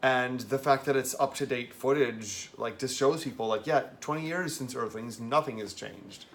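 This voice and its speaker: A man with a mid-pitched voice talks through a film review as a host. His delivery is casual and campy, with wry little asides tucked into the chat. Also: normal speed, creaky, slight background noise.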